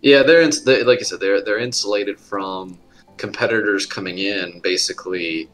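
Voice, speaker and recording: Man, guest, casual chat, lowish voice, halting speech, faint music behind. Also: fairly bright tone, low-quality recording. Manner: hesitant, restarts, dry quips.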